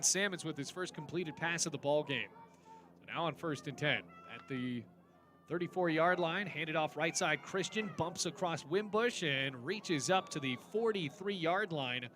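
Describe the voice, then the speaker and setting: A man's voice: on the high side, measured pace, pushed and bright. A man calling live football play-by-play in clipped, descriptive phrases. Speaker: play-by-play commentator.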